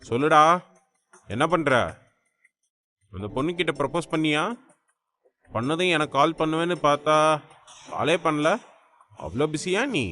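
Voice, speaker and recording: A man's voice: fairly high pitch, animated, unhurried, pauses often, pushed and bright. A man voicing a worried older brother. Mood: teasing. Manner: urgent, coaxing. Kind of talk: audiobook character voice.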